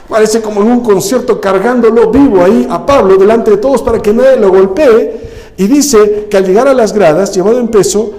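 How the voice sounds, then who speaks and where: A male pastor preaching a lively sermon, often calling his listeners "brother" and asking them rhetorical questions. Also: high voice. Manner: animated, addresses listeners as "hermano", rhetorical questions. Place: church hall. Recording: echoey church hall.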